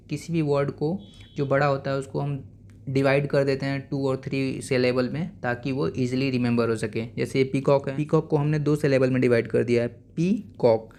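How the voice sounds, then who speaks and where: A man teaching an English lesson for young children in Indian English, mixing Hindi and English and repeating each word slowly. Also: mid-range voice, dark tone. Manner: repeats words slowly and drawn out. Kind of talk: classroom lesson explaining English words.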